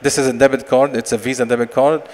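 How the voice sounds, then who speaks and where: A man in his forties, a company director, giving a conference sales pitch and answering questions with many fillers and restarts into a handheld mic. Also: level tone, fast, a little mellow. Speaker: company managing director presenting. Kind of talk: conference presentation and Q&A. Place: large expo stage hall. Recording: long hall reverb, faint noise.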